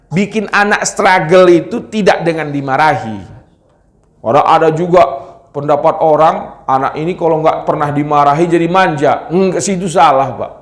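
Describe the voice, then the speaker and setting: Preacher, male, higher-pitched voice, teasing and scolding the congregation, mosque reverb. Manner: lively, scolding and joking with the congregation. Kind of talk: Friday mosque sermon. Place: mosque hall. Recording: echoey mosque hall.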